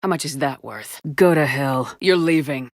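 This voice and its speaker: A woman's voice: extremely low pitch, normal speed, dry recording, clean studio sound. An actress playing a tough, resolute female military space commander in a sci-fi video game, firm, commanding and blunt. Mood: hard, threatening. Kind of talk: cinematic sci-fi game dialogue.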